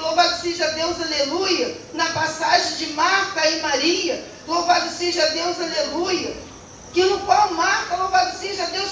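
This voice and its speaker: Brazilian lady deaconess preaching in a church, really high voice, keeps throwing in praise words, big echo, sounds far off. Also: a bit bright, a little hiss or hum. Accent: Brazilian Portuguese. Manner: fervent, peppers speech with praise phrases. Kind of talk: church testimony sermon. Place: church hall. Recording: very echoey church hall, mic far off.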